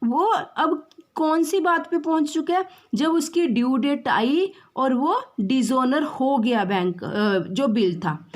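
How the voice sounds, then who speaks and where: A woman teaching an accounts class, explaining slowly and repeating key terms, mixing in English phrases. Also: high-pitched, animated. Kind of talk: classroom lecture.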